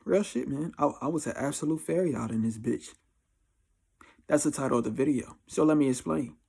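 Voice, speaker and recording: This vlogger is an American man of twenty-four who gives life advice in a loose, confessional piece to camera. His mid-range voice is gravelly and husky, a touch mellow, and his pace is brisk. He's blunt and emphatic, leans on slang, and keeps circling back to the same phrases.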